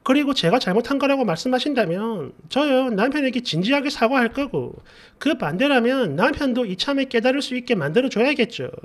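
A man narrates a community post as a first-person story, in a chatty, complaining way. His voice sits very high for a man. His pitch moves in a lively way. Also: brisk.

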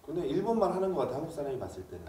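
A man's voice: on the high side, sing-song, very fast, dark tone. A man with a South Korean accent asking questions in a casual interview, recorded from a distance in a room. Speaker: interviewer off camera. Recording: distant roomy mic, faint background noise.

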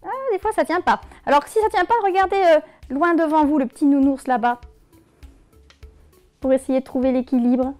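A young woman, a yoga teacher, guiding a children's class with gentle, encouraging, playful instructions. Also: high voice, moderate pace, soft background music.

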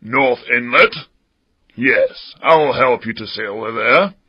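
A wounded older pirate, husky and slow, drawling every word as he schemes, put on by a storybook narrator. The voice crawls along at a sluggish pace. The recording sounds slightly muffled. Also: mid-range voice, no room sound, pitched above the performer's own voice. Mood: scheming.

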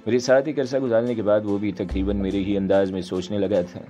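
A man narrates a thriller novel in the first person with a steady, measured delivery. His voice is low and mellow. The audio is dull and lo-fi, with faint background music.

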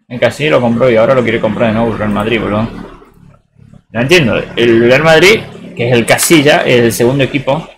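A man from Tucumán, Argentina, chats through a live gaming stream in a mid-range voice that moves fairly quickly against background noise. His rambling, slangy talk leans heavily on "boludo."

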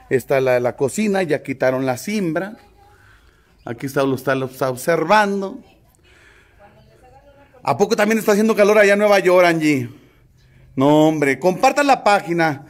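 A man hosts a casual livestream from outdoors in a small town. His voice sits fairly high for a man. He chats jovially, greeting viewers by name and teasing the people around him. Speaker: vlogger and livestream host.

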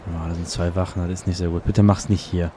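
A man's voice: sits low, level tone, quick pace, mellow, a little hiss or hum. A man commenting casually on his gameplay, chatty and sarcastic, grumbling at the game as he plays. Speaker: let's play gamer.

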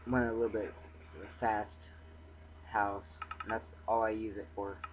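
A young man in his teens giving excitable, rambling commentary over a video game, talking to himself. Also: unhurried. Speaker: gameplay video maker. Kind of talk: casual gameplay commentary. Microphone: cheap computer mic. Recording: muffled low-quality computer mic, faint background hum.

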